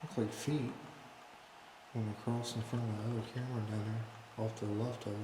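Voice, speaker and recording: A man on a ghost hunt tossing out quiet, quick remarks. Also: medium pitch, little pitch movement. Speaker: paranormal investigator. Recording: echoey room with hiss.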